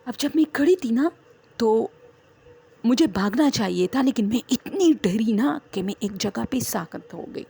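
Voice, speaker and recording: A woman's voice: a little high, expressive, gravelly, dark tone, breathy edge. A woman from Swat, casually telling a true horror story from her own life and talking straight to her listeners as friends. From Swat, Pakistan. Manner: chatty, addresses listeners as friends, digresses.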